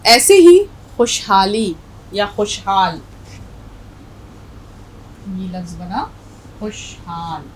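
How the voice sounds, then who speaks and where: A woman's voice: mid-range voice, very animated, drawn-out words, pauses often, a little hiss or hum, poor audio. A woman teaching a Urdu language lesson, explaining words patiently and repeating each example with a North Indian Hindustani accent.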